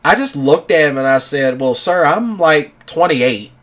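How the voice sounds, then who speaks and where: Unhurried and expressive, with a slightly high, fairly bright voice, this man in his thirties hosts a gaming channel. He rambles through a long personal story in a relaxed monologue, leaning heavily on fillers and repeated "you know"s.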